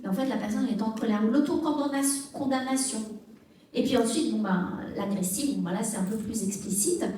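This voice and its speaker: A woman's voice: a little high, fairly quick, dark tone, slight background noise. A woman pastor giving a teaching talk in church, chatty and full of fillers, acting out small dialogues. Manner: conversational, many fillers, acts out little dialogues. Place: church hall. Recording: echoey room, mic at a distance.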